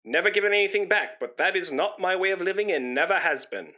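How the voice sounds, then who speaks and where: A male actor in a comedy radio play voices a pompous, self-righteous, boastful busybody, sounding self-important and wheedling. His voice sits high, with a sharp tone and quick pace, and the audio is dull.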